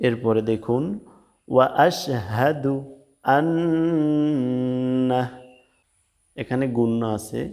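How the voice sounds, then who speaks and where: Man teaching prayer recitation, slow chanting. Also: medium pitch, vocal fry, darkish tone. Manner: slow drawn-out chanting of the Arabic words, then brisk explaining; spells out letters and vowel marks. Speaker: religious teacher. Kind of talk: step-by-step recitation lesson.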